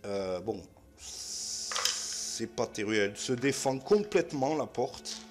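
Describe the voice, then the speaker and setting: A man's voice: medium pitch, expressive, slow. A man with a southwest French accent, narrating a solo board game in a chatty way, full of fillers. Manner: chatty, many fillers, addresses viewers as friends.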